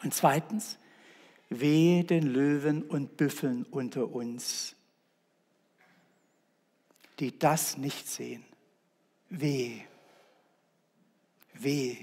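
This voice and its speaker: A man's voice: fairly high pitch, steady tone, slow, long pauses, mellow. A man preaching a sermon in a church, emphatic and repeating his key words. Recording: echoey church reverb.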